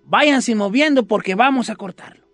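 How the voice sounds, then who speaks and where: A storyteller voicing a father who gives short, brisk orders to his children. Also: medium pitch, no echo, soft background music, voice pushed up, natural voice. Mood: commanding. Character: father with an axe, brisk and commanding.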